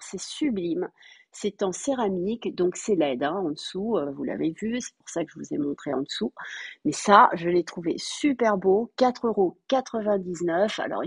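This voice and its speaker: A woman's voice: lowish voice, slightly rough, no room sound. A middle-aged woman presenting her store finds in a gushing, bubbly way, now and then singing little snatches. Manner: gushing, bubbly, breaks into little sung bits. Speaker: vlogger showing store finds. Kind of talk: enthusiastic product haul chat.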